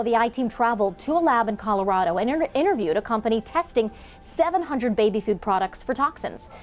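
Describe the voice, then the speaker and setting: A TV news reporter, a woman with a fairly high voice, delivers her story in a clear, measured way. Faint music sits under her.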